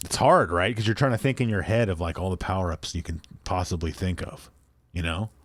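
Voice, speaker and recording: Low-ish guy rambling on a chill podcast, dry close sound. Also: a little fast, no echo. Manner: relaxed, rambling, reads listener emails aloud. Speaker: podcast co-host. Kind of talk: casual chat.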